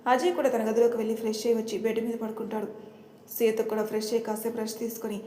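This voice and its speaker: A woman narrating a story in a steady, even storytelling manner, in a roomy, echoey recording with faint noise. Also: on the high side, quick pace.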